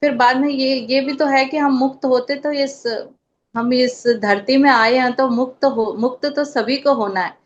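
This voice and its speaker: A woman with a somewhat high voice shares a heartfelt personal spiritual story, repeating devotional chants as she tells it. Her voice comes through a dull, lo-fi recording. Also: fairly even intonation, a little slow. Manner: emotional, repeats chants aloud. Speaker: devotee sharing a spiritual experience. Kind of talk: personal testimony.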